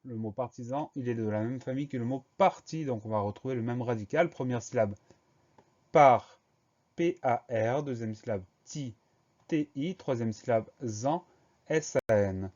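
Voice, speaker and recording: A teacher leads a spelling lesson for young pupils, splitting each word into syllables and dictating it slowly and carefully, letter by letter. His mid-pitched voice is mellow and relaxed, and the recording sounds somewhat muffled and lo-fi.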